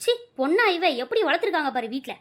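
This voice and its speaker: A bossy middle-aged mother-in-law in a cartoon, voiced by a woman, scolding and complaining without pause. Her voice sits high and her words tumble out quickly. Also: big pitch swings. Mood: indignant. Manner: nagging, indignant complaining.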